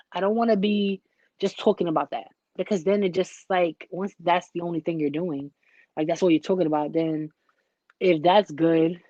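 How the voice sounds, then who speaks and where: A woman's voice: fairly low pitch, no echo, lo-fi sound. Chatty woman in a casual vlog. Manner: chatty, animated storytelling with lots of "like".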